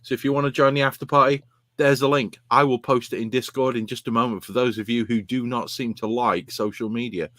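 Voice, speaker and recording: A man's voice: mid-range voice, steady tone, a little fast, fairly bright tone, dry recording. A man hosting a podcast live, signing off in a boisterous, rambling, sweary way. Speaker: podcast host. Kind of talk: casual chat, sweary sign-off.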